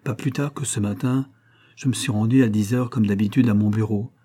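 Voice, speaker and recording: A man's voice: fairly low pitch, fairly even intonation, brisk, mellow, slightly rough. A man reading an audiobook, voicing an indignant middle-aged red-haired pawnbroker telling his story. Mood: aggrieved.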